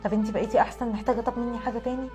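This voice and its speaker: A woman's voice: a little high, steady tone, music in the background, lightly acted. A woman playing a stingy Egyptian wife. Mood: sulky. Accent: Egyptian Arabic. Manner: quick, argumentative, whiny. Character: stingy, defensive young wife. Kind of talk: web comedy sketch acting.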